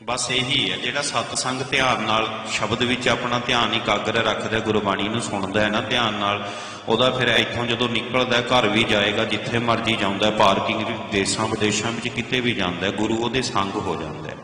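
Guy preaching, chants bits of the verses, sharp bright voice, big echoey hall. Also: on the low side, steady tone, fairly quick. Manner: explains verses line by line, sometimes chanting them; addresses listeners as "bhai" and "ji". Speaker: Sikh preacher explaining scripture. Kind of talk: sermon.

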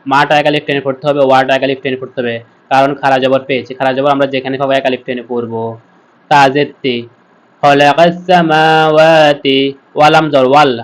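A man teaching Quran reading in a step-by-step lesson, spelling out each letter and then slowly chanting the joined words. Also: mid-range voice, level tone.

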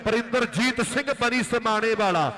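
Extremely high in pitch and at normal speed, a Punjabi-accented man's voice calls live action at a village kabaddi tournament over very noisy audio. He gives frantic rural sports commentary, spurring players on and repeating himself.

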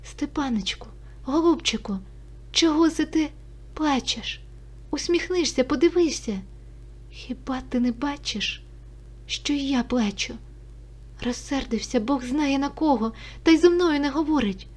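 A woman's voice: lively intonation, measured pace. A woman playing an anxious, pleading village girl. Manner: high, pleading, breathless questions.

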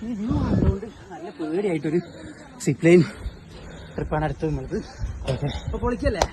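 A man's voice: high voice, expressive, fast talker, crowd noise, noisy background. A man with a Kozhikode Malayalam accent gives casual travel vlog commentary, mixing English words into his Malayalam. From Kozhikode, Kerala. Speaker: vlog host. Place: outdoors at a hill adventure park. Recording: music behind the voice.

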